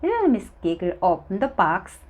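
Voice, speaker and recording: A woman whose first language is Korean, reading a children's book aloud in a slow, expressive way, with small stumbles and friendly asides. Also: mid-range voice, phone-quality sound. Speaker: storybook reader.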